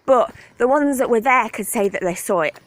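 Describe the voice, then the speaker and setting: An excited, out-of-breath woman gives a gushing motivational pep talk to her phone camera while walking her dog outdoors. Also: fairly high pitch, moderate pace, dry recording. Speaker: network marketing team leader.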